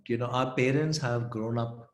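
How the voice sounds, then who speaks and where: A man from India telling anecdotes in an interview, bringing quoted people to life in an animated way. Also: mid-range voice, normal speed, reverberant. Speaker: storyteller and guest. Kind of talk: conversational interview.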